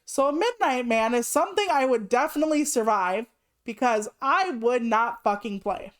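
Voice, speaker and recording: A woman's voice: fairly high pitch, expressive, normal speed. A woman in her late thirties chatting casually on a live stream, rambling through asides and swearing freely. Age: 30s. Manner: rambling asides with many "like" fillers.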